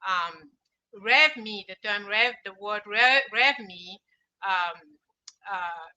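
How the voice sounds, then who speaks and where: A woman from Cameroon presenting her app on a video call, earnest and halting, with many fillers. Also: medium pitch, bright, forceful tone, low-quality recording. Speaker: inventor pitching an app. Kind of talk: online pitch presentation.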